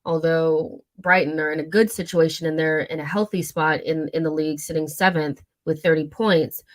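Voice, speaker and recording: A hoarse woman with a cold hosting a casual football chat stream, talking loosely with many fillers and asides. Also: deep voice, steady tone, normal speed. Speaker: football channel host.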